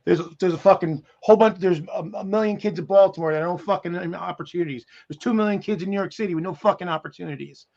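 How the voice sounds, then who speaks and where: A man's voice: high voice, quick pace, vocal fry, few pauses, a little mellow, lo-fi sound. A man on a podcast panel delivering an angry, profane rant with lots of repetition, in casual talk. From United States. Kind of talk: casual chat.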